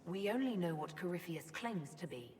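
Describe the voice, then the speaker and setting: An actress playing a composed woman leader speaking calmly and measuredly in video game dialogue. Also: on the low side, moderate pace, big-room sound, a little hiss or hum, lightly acted.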